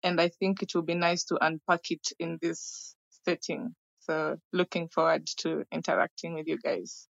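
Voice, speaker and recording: Lowish female podcast guest, dull dry audio. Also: level tone, moderate pace, gravelly, no room sound. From Kenya. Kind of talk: conversational interview answers.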